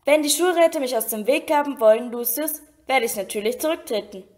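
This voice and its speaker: A calm, wise old headmaster, as a woman reads him in an audiobook. He speaks politely, slowly and distinctly, with a lightly raised pitch. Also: lightly acted. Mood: firm, calm.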